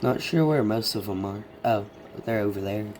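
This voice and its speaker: A man's voice: lowish voice, moderate pace, a little mellow, a little hiss or hum. A man who is sick with a stuffed, congested nose gives a casual, hesitant, rambling walkthrough of a video game. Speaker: gamer giving a video game tour.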